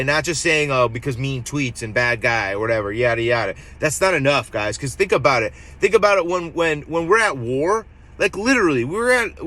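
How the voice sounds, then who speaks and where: A man's voice: fairly high pitch, fairly bright tone. A man ranting casually to his viewers, rambling and swearing, often restarting his sentences. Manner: rambling, profane, many restarts. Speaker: vlogger. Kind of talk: casual political rant.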